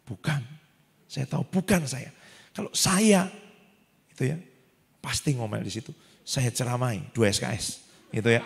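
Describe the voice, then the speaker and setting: A man preaching a sermon as pastor, animated and acting out the people he quotes. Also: fairly high pitch, gravelly, slightly rough. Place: church hall. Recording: long church hall reverb.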